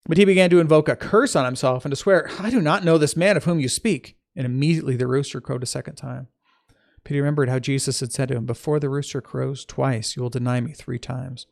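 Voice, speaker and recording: A man's voice: mid-range voice, quick pace, creaky. A man reading scripture aloud. He stops to correct his own slips and adds informal asides between the verses. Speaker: Bible reader.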